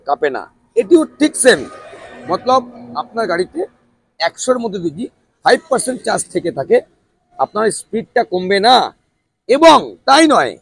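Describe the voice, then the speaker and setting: A man delivers a showroom sales pitch in a high voice. He sounds like a promotional announcer, emphatic and repetitive, throwing in rhetorical questions. The sound is dry, with little room echo. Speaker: showroom promoter presenting e-rickshaws.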